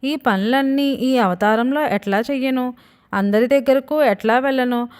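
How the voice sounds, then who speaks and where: A woman voicing a stern fifty-year-old father stuck in a small boy's body, who scolds and frets in a slightly high voice. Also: a little slow, a little mellow, smooth. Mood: fretful.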